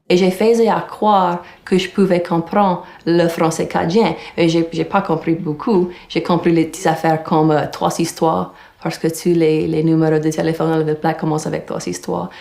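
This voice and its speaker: A woman's voice: on the low side, flat delivery, normal speed, gravelly, hardly any pauses, warm tone. A young woman from Louisiana with a Cajun French accent, giving a personal testimony in French as a school teacher. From Louisiana, United States. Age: young adult. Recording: fiddle music behind voice. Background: fiddle music.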